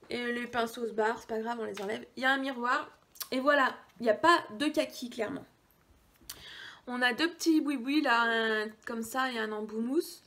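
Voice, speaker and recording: A woman with a high, light voice talks through a makeup haul in a relaxed, chatty way. She hesitates with many pauses and now and then drops her voice to near-whispered asides. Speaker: beauty vlogger. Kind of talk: casual makeup haul video.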